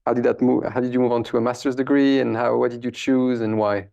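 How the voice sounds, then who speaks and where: Gravelly man hosting, lots of uh. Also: mid-range voice, level tone, fast talker, mellow, muffled recording. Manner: hesitant, many uh fillers. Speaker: podcast host, former teacher. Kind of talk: casual interview.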